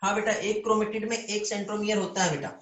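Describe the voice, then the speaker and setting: A man's voice: high-pitched, flat delivery, quick pace, a bit bright, reverberant. A man teaching biology in a live online lecture, calling students "beta" and often checking whether they understand.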